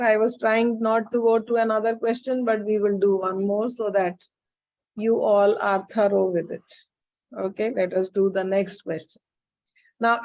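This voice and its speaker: A woman's voice: a little high, darkish tone. Indian lady teacher on a screen recorded zoom class, dull lo-fi sound, keeps asking kids if they got it. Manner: checks students by name, repeats points. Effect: screen-recorded online class audio. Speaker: chemistry teacher. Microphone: video call computer mic. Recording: dull lo-fi video call audio.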